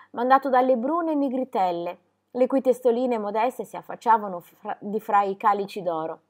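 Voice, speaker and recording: Woman reading a story expressively. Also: on the high side. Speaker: reader. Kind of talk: audiobook narration.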